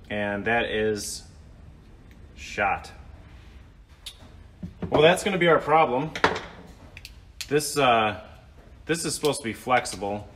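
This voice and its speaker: A DIY repair vlogger with a mid-range, fairly bright voice explains a repair step by step in a relaxed how-to manner, with plenty of fillers. The camera mic records him in an indoor workshop garage, with slight background noise.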